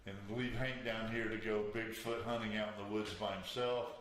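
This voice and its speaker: A man's voice: on the low side, steady tone, moderate pace, fairly bright tone. Rambling male host in an echoey room. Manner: rambling storyteller, easygoing and joking. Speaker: show host. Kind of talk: casual chat. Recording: echoey room with faint noise.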